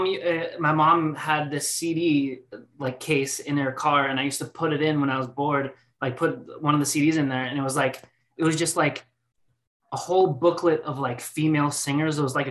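A man's voice: mid-range voice, fairly bright tone. A man in his late twenties, a band's singer, answering questions in a casual podcast interview, rambling with lots of fillers and restarts. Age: 20s. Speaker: band singer.

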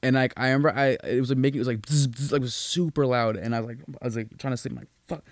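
A man's voice: mid-range voice, rapid-fire, no echo, clean studio sound. A young man hosting a casual podcast chat, telling stories in a rambling, profane way with lots of restarts and fillers. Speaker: podcast co-host.

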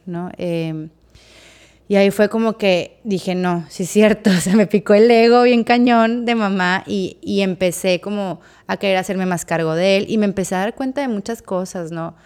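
A woman's voice: mid-range voice, darkish tone, smooth. A woman with a Mexican accent, co-hosting a podcast and frankly telling a personal story in a reflective, candid way. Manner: frank, reflective, full of fillers like o sea. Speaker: podcast co-host.

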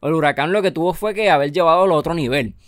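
A man's voice: fairly high pitch, fast talker, no room sound, clean studio sound. A man hosting a casual podcast, rambling and opinionated, with frequent repetition. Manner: rambling, opinionated, repeating himself. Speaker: podcast host.

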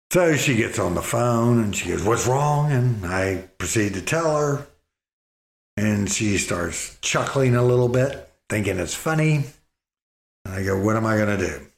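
A man's voice: on the low side, animated, unhurried, creaky, long pauses, reverberant. A middle-aged man telling a story in a folksy, rambling way, repeating words as he goes. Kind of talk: casual storytelling.

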